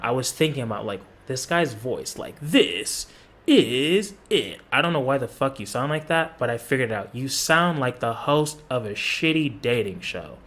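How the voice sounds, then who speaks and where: A man's voice: mid-range voice, a bit bright. Sarcastic, foul-mouthed man trash-talking. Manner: sarcastic, profane trash talk. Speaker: basketball reaction YouTuber. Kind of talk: reaction commentary.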